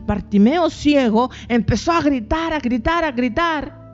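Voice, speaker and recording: A woman pastor giving a devotional sermon, speaking haltingly, repeating words and crying out when voicing pleas. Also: sits high, lively intonation. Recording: dull lo-fi audio, faint music.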